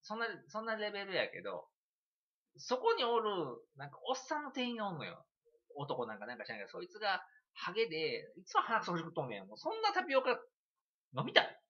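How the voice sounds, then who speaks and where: A man with a Kansai accent tells a story on a casual livestream, chatty and prone to giggling asides. His pitch leaps wildly from low mutters to high outbursts, with a bright, forceful edge. The sound is dull and lo-fi. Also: huge pitch swings, quick pace. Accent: Kansai Japanese.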